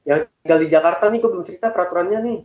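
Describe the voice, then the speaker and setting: A young man chatting casually with classmates, rambling and animated as he tells about his family. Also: high-pitched, racing. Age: young adult. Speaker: student in group discussion. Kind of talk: casual chat. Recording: echoey, phone-like call audio.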